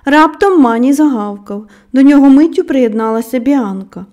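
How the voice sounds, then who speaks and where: Reading an audiobook, a woman narrates in a measured storytelling style with a high pitch and lively intonation, her voice softly falling at the close of each phrase.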